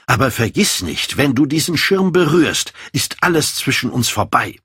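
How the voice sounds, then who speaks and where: A man's voice: lowish voice, very animated, measured pace, a bit bright, husky, dry recording, clean studio sound, heavily acted. A man reading an audiobook, voicing a proud, secretive and volatile young man in a raised voice. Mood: defiant.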